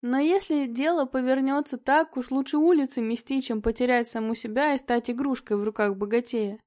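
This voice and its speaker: Mellow woman reading an audiobook. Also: sits high, fairly quick. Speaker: audiobook narrator. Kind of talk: scripted first-person narration.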